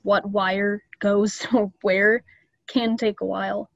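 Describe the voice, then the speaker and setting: A woman's voice: medium pitch, flat delivery, takes it slowly, gravelly, no echo, lo-fi sound. A young woman casually explaining things to a club meeting, chatty and loose with ums and small laughs, over a video call. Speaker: student club presenter.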